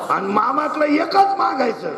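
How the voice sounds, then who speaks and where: A man with a Marathi accent doing comic stage talk at an outdoor festival, quizzing the audience in quick call-and-response through a stage mic. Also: very high voice, sing-song. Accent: Marathi, western Maharashtra. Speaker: stage comedian. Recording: echoey outdoor stage, loud crowd. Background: loud crowd noise.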